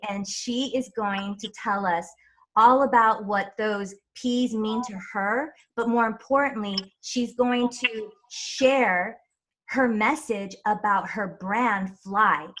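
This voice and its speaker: A woman's voice: on the high side, slow pace, fairly bright tone, a little hiss or hum, poor audio. A woman host introducing her show and guest in a presenter's style. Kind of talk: scripted-sounding show introduction.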